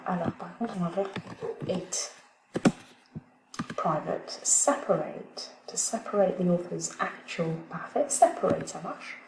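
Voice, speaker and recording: A woman teaching English pronunciation in a recorded online lesson, thinking aloud with many pauses as she searches for words. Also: lowish voice. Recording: echoey room, faint background noise.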